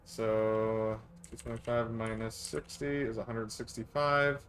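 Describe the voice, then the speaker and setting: Guy game master narrating a tabletop session, casual, kinda hesitant, thinks out loud. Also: on the low side, fairly even intonation, unhurried, slight background noise.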